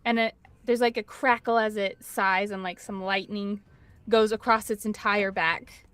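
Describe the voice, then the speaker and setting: A woman running a tabletop game as game master, narrating in a halting, conversational, improvised way. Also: medium pitch, fairly even intonation, a bit bright, smooth, no echo. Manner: halting, conversational storytelling with frequent "like". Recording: music playing behind. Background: background music.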